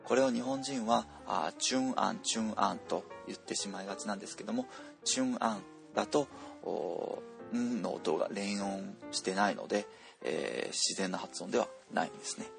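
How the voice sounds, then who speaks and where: A man teaching pronunciation, explaining slowly with many drawn-out fillers and repeating example words aloud. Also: fairly low pitch, creaky, over music. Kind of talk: explanatory lesson, casual spoken.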